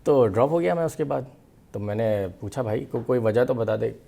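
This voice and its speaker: A man's voice: mid-range voice, lively intonation, a little fast, creaky, dark tone. A man, a cricketer defending himself as a guest on a TV sports talk show. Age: 30s. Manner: insistent, defensive, often starts with "sir".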